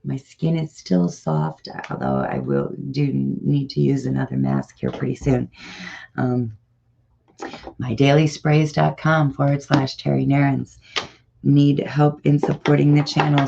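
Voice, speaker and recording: A local show host with an American accent and a heavily creaky smoker's rasp chats through community announcements. The delivery is informal, rambling and encouraging, at a middling pitch. The recording is dull and muffled. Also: dark tone. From Ohio, United States. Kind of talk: casual community announcements monologue.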